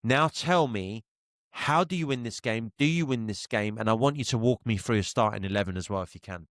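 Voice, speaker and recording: A young man hosting a casual football chat, blunt and opinionated, quick to laugh. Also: on the low side, no room sound, clean studio sound. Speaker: podcast host.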